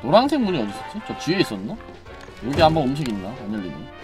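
A man streaming a horror game, joking and yelling loudly at what happens on screen. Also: mid-range voice, sing-song, fast talker, music in the background. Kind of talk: excited gameplay commentary.

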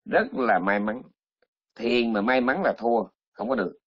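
A man's voice: mid-range voice, animated, a little slow, no room sound. A male Buddhist monk, giving a chatty, teasing dharma talk full of exclamations. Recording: slightly muffled lo-fi recording.

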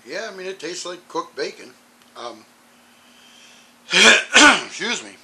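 A man with clogged sinuses casually reviewing a hot sauce on his channel, rambling with ums and clearing his throat often. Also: high-pitched, big pitch swings, takes it slowly, pushed and bright, low-quality recording.

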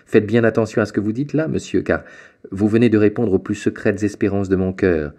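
A man voicing an earnest, respectful young sailor in an audiobook, speaking a little higher than his own narration. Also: moderate pace, dark tone. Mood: eager.

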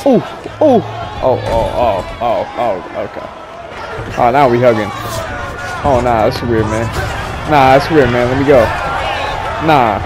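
A young man casually commentating his own video game fight, excitable and loud in his reactions. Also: mid-range voice, unhurried, long pauses. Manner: excitable, shouting reactions and laughter. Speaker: gaming video host. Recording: game music and crowd underneath. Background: game music and arena crowd.

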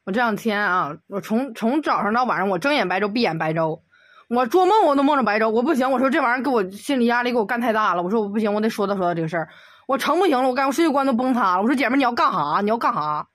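Woman commentator, comedic exasperated rant, slightly high voice, dry close sound. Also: animated, no room sound. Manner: exasperated, rapid rhetorical questions. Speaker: video commentator.

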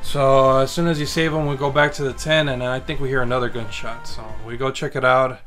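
A man's voice: medium pitch, little pitch movement, brisk, fairly bright tone, faint music behind. A man casually recapping a video game while playing, rambling and joking with lots of swearing, and saying he is tired. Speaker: gameplay commentator. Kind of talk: casual let's-play recap.

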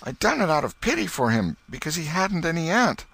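Man acting a mischievous young boy, rustic American accent, pitched up, mock-innocent, swooping storybook delivery. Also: very animated, a little fast, gravelly, a bit bright, slightly rough, dry recording, exaggerated voice. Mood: defiant. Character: mischievous, cheeky young boy with folksy speech.

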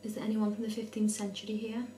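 A woman's voice: completely flat delivery, quick pace, mellow, roomy sound. A woman in her twenties solemnly calling out questions as she leads a séance for a vlog. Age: 20s. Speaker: leader of a spirit board session. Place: dim indoor room at night. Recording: low hum, faint noise.

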